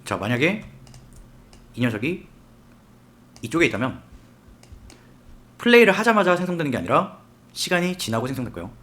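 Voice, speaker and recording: A man teaching a software tutorial step by step, often asking the viewer questions as he works. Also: fairly high pitch, sing-song, fairly quick, pauses often. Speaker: software instructor. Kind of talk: screen-recorded tutorial.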